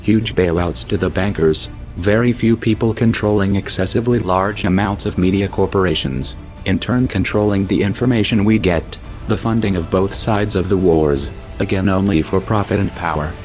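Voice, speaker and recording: A man narrating a scripted protest message in a grave, measured way, his voice disguised by a deep voice changer. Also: darkish tone, faint music behind.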